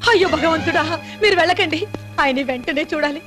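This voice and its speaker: Actress as a sharp indignant wife, really high voice, score underneath. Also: female voice, brisk, music in the background, lightly acted. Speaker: dance teacher and wife. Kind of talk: Telugu film dialogue.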